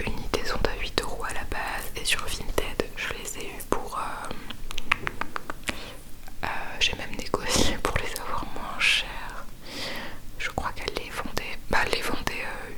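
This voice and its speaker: Woman in a hushed library whisper. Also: low-quality recording. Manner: hushed, unhurried, informal. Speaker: book haul video host. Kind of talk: whispered ASMR book chat.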